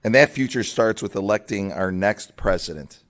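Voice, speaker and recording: With background noise behind him, a man delivers a stirring labor rally speech at a political party breakfast, lifting his voice to stress key words. He is a labor leader with a lowish voice, lively intonation and a normal pace.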